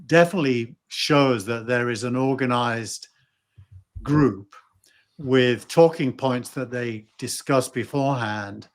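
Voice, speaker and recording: A man's voice: medium pitch, slow pace. Hesitant man in casual debate. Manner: hesitant, many fillers and restarts. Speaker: podcast co-host.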